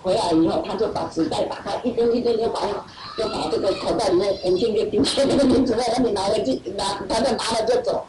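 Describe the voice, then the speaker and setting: A middle-aged woman, a church member, gives her personal faith testimony to a church gathering, telling it as a story. Her voice sits a little high with huge swings in pitch, and she talks fast and animatedly, laughing often and acting out other people's voices. The recording was made far from the mic in an echoey hall, with heavy background noise from a loud audience.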